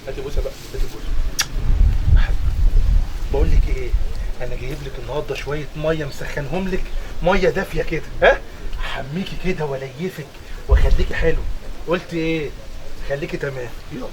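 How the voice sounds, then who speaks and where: An actor playing a doting Egyptian farmer husband, coaxing and playful. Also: male voice, fairly high pitch, fast, pauses often, background noise, lightly acted. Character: doting rural husband, middle-aged.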